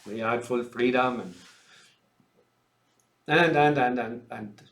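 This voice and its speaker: A man's voice: mid-range voice, slow pace, fairly bright tone. A man from Syria giving a rambling political monologue, full of fillers and repeated words, calling his listeners "folks". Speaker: commentator. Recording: roomy echo.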